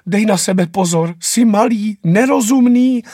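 A man's voice: mid-range voice, very animated, no echo, studio quality. A man voicing a worried, caring mother anteater in a children's storybook reading. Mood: fretful. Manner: fretful, pleading.

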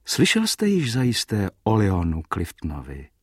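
A man voicing a polite, assured elderly gentleman detective in an audiobook reading, with a husky voice. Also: on the low side, huge pitch swings, dry recording, studio quality, full character voice. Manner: polite, measured questioning. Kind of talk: audiobook character voice.

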